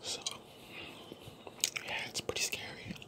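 A young adult woman whispering a casual ASMR ramble while chewing gum. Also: slow.

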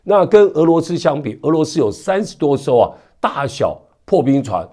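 A man in his fifties with a stuffy nose and slight hoarseness from a cold, hosting conversational news commentary to camera on a lapel mic. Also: a little high, sing-song, moderate pace, warm tone. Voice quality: stuffy, strongly nasal from a cold. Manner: conversational, with frequent sentence-final particles and rhetorical tags. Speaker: news commentary show host. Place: indoor studio with virtual backdrop.

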